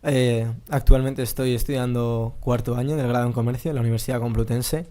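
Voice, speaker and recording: A young man from Spain speaks as a guest in a measured, slightly hesitant way. His tone is warm and mellow, at a middle pitch. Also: steady tone. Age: 20s. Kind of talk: casual chat.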